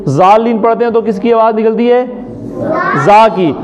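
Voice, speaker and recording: A man teaching Quran pronunciation to a class, drilling letter sounds, asking and answering his own questions, and chanting words slowly. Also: high-pitched.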